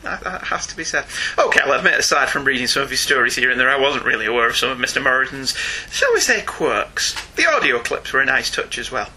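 A man's voice: mid-range voice, fast talker, slight background noise. A middle-aged man hosting a podcast, reading listener emails in casual chat and laughing often. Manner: animated, laughs often, reads emails aloud.

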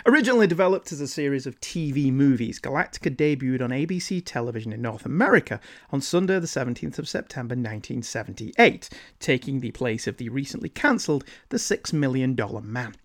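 A man hosting a podcast, reading scripted narration with measured, emphatic phrasing. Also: mid-range voice, animated. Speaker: podcast host.

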